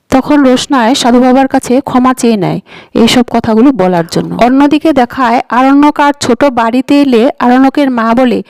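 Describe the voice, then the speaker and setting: A woman's voice: sits high, a little mellow, dry recording, poor audio. A woman retelling a TV serial episode, reading every character's lines in the same plain voice. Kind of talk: scripted narration with quoted dialogue.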